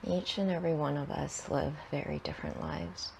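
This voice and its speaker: This guided meditation comes from a woman with a deep voice and fairly even intonation. She's soothing and slow, letting long silences fall between brief phrases that fade out breathily, over a faint hiss or hum.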